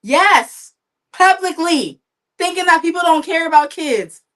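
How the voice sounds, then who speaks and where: A woman chatting casually on a livestream while she paints, telling gossip in a lively, animated way. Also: very high-pitched, unhurried. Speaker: livestream co-host. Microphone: livestream setup.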